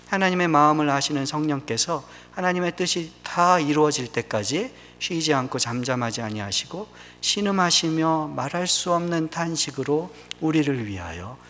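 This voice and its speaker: An earnest male pastor with a fairly high-pitched voice delivers a sermon in a church sanctuary. He builds to emphatic peaks and then falls to soft, hushed lines. His voice trails off into a long hall echo.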